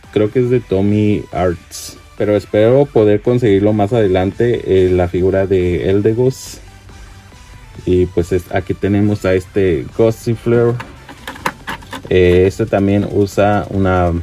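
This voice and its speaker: A man giving relaxed, chatty commentary while unboxing toy figures at a display shelf, with plenty of fillers. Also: low voice.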